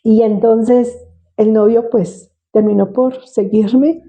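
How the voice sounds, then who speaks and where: An older woman with a Mexican accent, a retired special education teacher telling her life story in an interview, reminiscing warmly with frequent laughter. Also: on the high side, steady tone, takes it slowly. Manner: warm reminiscing, laughs often.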